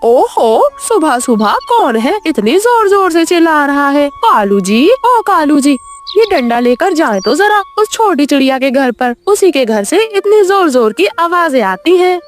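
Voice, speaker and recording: A bossy, nagging crow wife in a children's cartoon, played by a woman. She complains in a high voice with very lively pitch, and faint music plays behind her. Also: unhurried. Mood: annoyed.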